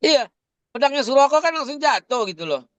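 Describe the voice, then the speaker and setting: A man co-hosting a religious talk, telling stories in a lively, slangy way and acting out quotes. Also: extremely high pitch, a little fast, no echo. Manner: animated storytelling, slangy, acts out quotes. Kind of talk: casual religious discussion.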